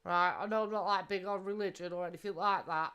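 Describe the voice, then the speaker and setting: A woman's voice: on the low side, steady tone, fast, fairly bright tone, clear, resonant tone. A woman co-hosting a livestream, chipping in with blunt, sweary, mocking remarks and greeting viewers. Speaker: livestream co-host. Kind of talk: casual livestream banter.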